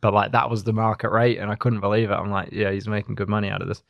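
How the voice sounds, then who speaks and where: Australian man in his thirties, low gravelly voice, dry close sound, rambling casual podcast chat. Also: quick pace, dry recording, dull audio. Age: 30s. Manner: rambling, relaxed storytelling with many fillers. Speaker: co-host.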